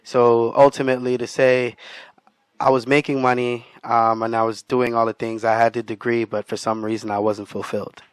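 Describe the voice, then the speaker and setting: A man's voice: medium pitch, level tone, normal speed, smooth, dry recording. A young man from Jamaica, a musician guest in a casual interview, talking in a laid-back way with many fillers.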